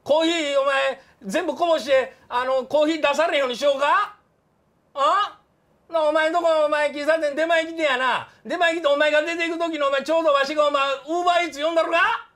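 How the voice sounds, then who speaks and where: A man's voice: extremely high pitch, a little fast, sharp tone. Man acting as a bullying Kansai café customer. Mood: threatening. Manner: blustering, threatening, keeps saying "you". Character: loud bullying middle-aged male café customer. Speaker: comedian. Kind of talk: comedy sketch.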